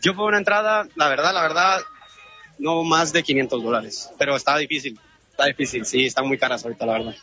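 A man's voice: on the high side, fast talker, sharp tone, dull audio. A man from Guatemala with a Guatemalan accent, chatting easygoingly as a fan in a street interview. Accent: Guatemalan Spanish.

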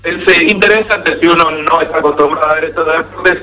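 A man's voice: on the high side, fast talker, sharp tone, low-quality recording. A man with an Argentine Spanish accent, a radio journalist explaining a sport to listeners. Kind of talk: radio commentary.

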